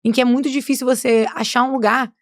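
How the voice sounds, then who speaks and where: A woman's voice: fairly high pitch, steady tone, fast, no room sound, studio quality. A woman, chatting as a guest on a podcast, tagging her sentences with "né?". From Rio de Janeiro state, Brazil. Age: 20s. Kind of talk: casual podcast conversation.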